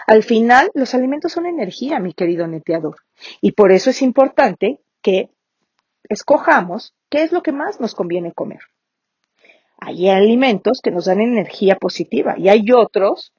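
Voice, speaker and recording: A woman's voice: mid-range voice, slightly rough, no room sound, highs cut off. A woman giving a motivational talk with storytelling, speaking directly to her listener.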